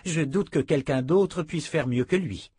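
A man's voice: fairly high pitch, unhurried, a little mellow, breathy edge, no room sound, studio quality, voice pushed up. A man voicing a timid, shaken young noblewoman who speaks politely and a little strained. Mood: nervous politeness.

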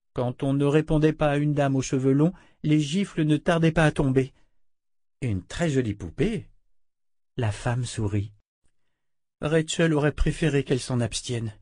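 A man reading a novel aloud as narrator, in a steady measured way. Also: mid-range voice, no echo, clean studio sound. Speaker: audiobook narrator. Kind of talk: scripted narration.

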